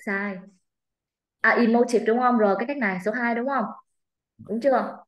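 A woman's voice: on the high side, normal speed, a bit bright. A Vietnamese woman, an English teacher, drilling a student's pronunciation with strict, corrective remarks in a one-on-one lesson. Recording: echoey room.

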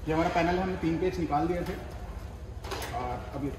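A young man with a higher voice, a bakery equipment seller, casually demonstrates oven panels at normal speed. He goes step by step, often repeating himself and restarting phrases. The indoor workshop full of ovens sounds echoey, with faint background noise.

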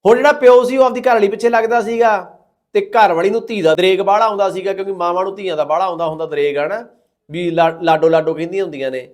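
A man tells a story with dramatic, moralizing scorn. His voice sits fairly high for a man. He acts out the words of the people in the story as he goes. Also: fairly even intonation, fast talker, darkish tone. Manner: moralizing, scornful, quotes others in their voices.

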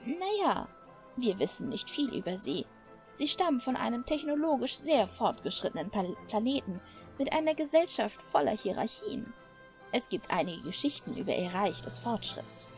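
A stern elderly island woman who scolds and warns in slow, weighty sentences, as a woman reads her lines aloud. The voice sits a little high, with faint game music underneath. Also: sing-song, darkish tone. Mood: grave. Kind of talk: game dialogue read aloud.

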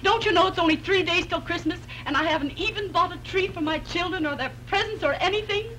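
A woman's voice: extremely high pitch, fast talker, fairly bright tone. An actress playing an overwrought, impatient mother in an early talkie film, melodramatic and complaining. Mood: frantic complaint. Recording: slightly noisy 1920s film soundtrack.

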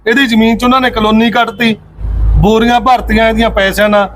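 A man's voice: very high voice, flat delivery, fast talker, fairly bright tone, a little hiss or hum. A man acting in a village comedy skit, teasing and full of exclamations. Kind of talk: scripted rural skit dialogue.

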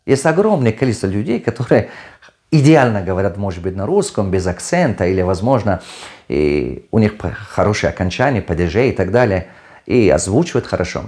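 A business mentor whose first language isn't Russian speaks with a non-native Russian accent in a low, fairly quick voice, giving a motivational video address from an indoor office with a logo wall. He is emphatic and repetitive, gestures lively, and uses non-native grammar.

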